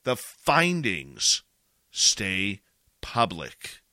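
A Canadian man giving opinion commentary in an emphatic, deliberate way, posing rhetorical questions and pausing for weight. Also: fairly low pitch, wildly swooping pitch, pushed and bright, no room sound, clean studio sound.

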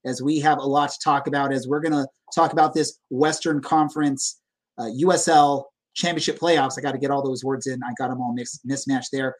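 A man casually hosting a soccer podcast, chatty, informal and rambling. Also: a little high. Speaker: podcast host.

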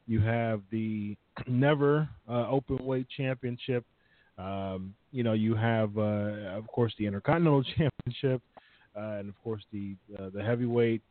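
A man's voice: on the low side, measured pace, no echo. Man talking over a thin phone line. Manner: rambling, heavy on "uh" and "you know". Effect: over the phone, line cutting in and out. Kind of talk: casual wrestling chat.

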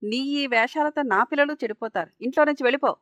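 A woman voicing a harsh, bullying middle-aged aunt in a told story, scolding and shouting sarcastically. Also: sits high, fast talker, no room sound, dull audio, pitched above the performer's own voice, natural voice. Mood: raging. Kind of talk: storytelling narration.

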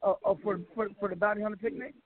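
A man's voice: high voice, fairly even intonation, fast talker. A man in his sixties hosting a casual call-in radio chat, laughing easily and stumbling over repeated words. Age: 60s. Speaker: radio show host. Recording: phone-line call-in audio.

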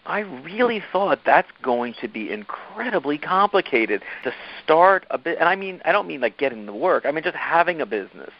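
A man, a team-building coach, telling stories animatedly as an interview guest, often jumping up in pitch for emphasis. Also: very animated, moderate pace, hardly any pauses, muffled recording. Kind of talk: interview storytelling.

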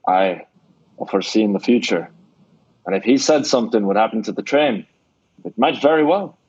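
A gruff Scottish theatre boss. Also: male voice, lowish voice, expressive, moderate pace, a little mellow, no echo. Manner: blunt, scolding, sly. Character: gruff middle-aged Scottish theatre owner, shrewd. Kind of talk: old-time radio drama acting. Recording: dull dry lo-fi radio recording.

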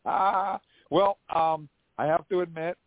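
A man's voice: fairly high pitch, steady tone, takes it slowly, no echo. An American man hosting a live call-in fan podcast with a folksy showman's way of presenting. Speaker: podcast host. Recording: dry, narrow phone-like podcast audio.

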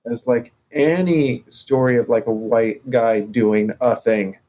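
A man from Morocco co-hosting a casual podcast discussion, talking in halting stops and starts with many fillers. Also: medium pitch, steady tone, dark tone. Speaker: podcast co-host.

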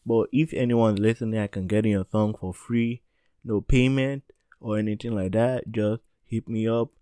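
A man's voice: fairly low pitch, fairly even intonation, moderate pace, warm tone, clean tone, dry recording. A man hosting a casual music review podcast, rambling and often restarting his sentences in loose slang. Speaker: podcast host.

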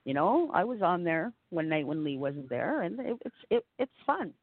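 A woman's voice: fairly low pitch, big pitch swings, normal speed, no echo. Female podcast co-host, informal and chatty, dry sound with thin telephone-like band. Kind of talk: casual chat. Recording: tinny, phone-like dry connection.

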